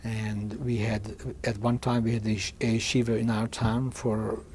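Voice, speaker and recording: A man in his sixties from Hungary, giving oral history testimony in a halting way, often restarting and repeating words. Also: on the low side, flat delivery, a little mellow, a little hiss or hum. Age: 60s. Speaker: interviewee.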